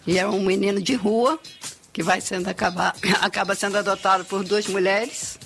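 A woman who tells stories and writes children's books, talking expressively in a relaxed interview, often ending phrases with a tag question. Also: medium pitch, moderate pace, vocal fry, faint music behind. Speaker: storyteller and children's author, guest. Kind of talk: conversational interview.

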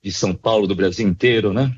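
Cara com sotaque brasileiro, voz rouquinha, som abafado e lo-fi tipo rádio. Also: male voice, lowish voice, slightly rough. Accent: Brazilian Portuguese. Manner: measured, explanatory, with frequent hesitations. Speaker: ear, nose and throat doctor, voice specialist. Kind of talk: explanatory radio interview answers.

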